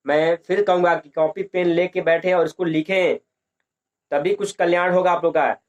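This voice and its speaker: A man's voice: high voice, steady tone, moderate pace, dull audio. A man teaching a lesson on English pronunciation, repeating points and asking and answering his own questions.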